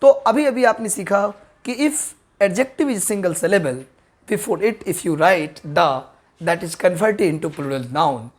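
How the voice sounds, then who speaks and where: High-pitched and expressive, a man teaches grammar online from a board. He keeps asking whether his viewers understood and goes over the key terms slowly.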